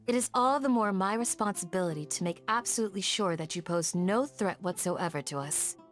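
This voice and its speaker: A woman's voice: mid-range voice, brisk, soft background music, natural voice. An actress playing a polite, protective female village guardian who speaks formally and firmly in video game dialogue. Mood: composed. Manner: formal, gentle but firm.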